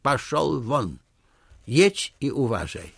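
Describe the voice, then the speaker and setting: A man voicing a blustering male district chief who shouts threats and insults at a village head, in a storybook reading. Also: mid-range voice, big pitch swings, slow, vocal fry, breathy edge, no room sound, clean studio sound, full character voice. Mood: angry.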